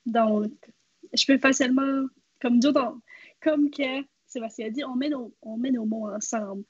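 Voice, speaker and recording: Québécois woman, casual talker, slightly high husky voice, dull dry lo-fi audio. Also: normal speed, dry recording. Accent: Québécois French. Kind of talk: casual conversation.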